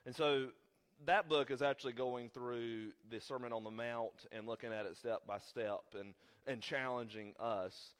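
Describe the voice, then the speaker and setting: A man's voice: medium pitch, fairly even intonation, moderate pace, fairly bright tone. A man preaching a sermon as the pastor while sick, with rambling, joking asides. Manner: rambling, self-deprecating asides. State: sick, under the weather. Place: church sanctuary.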